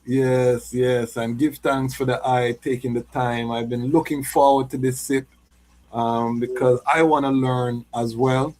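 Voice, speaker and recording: A man's voice: mid-range voice, level tone, measured pace, darkish tone. A man hosting a live interview show, greeting the audience and introducing his guest with energy. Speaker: podcast host.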